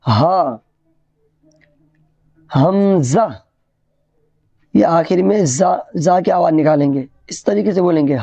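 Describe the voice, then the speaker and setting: A woman's voice: lowish voice, mellow, no echo. A woman teacher giving a beginner alphabet lesson, patiently repeating each letter and explaining how to shape the mouth. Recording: dull lo-fi recording.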